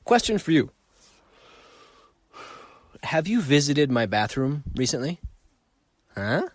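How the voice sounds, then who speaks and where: A middle-aged man hosting a solo podcast, telling a story in an animated way, acting out voices and repeating phrases. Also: fairly high pitch, slow pace, dry recording, studio quality. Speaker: podcast host.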